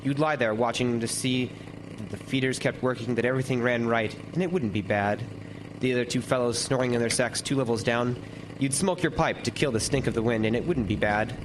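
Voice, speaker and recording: A man with a medium-pitched, natural voice plays a lighthouse keeper recounting a frightful night in first-person narration, old-time radio horror style. His storytelling is brooding, vivid and deliberate, lingering on descriptions, with noise in the background.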